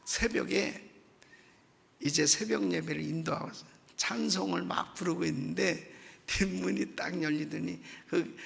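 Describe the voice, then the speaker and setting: A man preaching as guest pastor at a revival meeting, telling a story in an animated way and acting out its people, at times bursting into loud exclamations. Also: high voice, vocal fry. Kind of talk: sermon storytelling. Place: church sanctuary. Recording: echoey church hall.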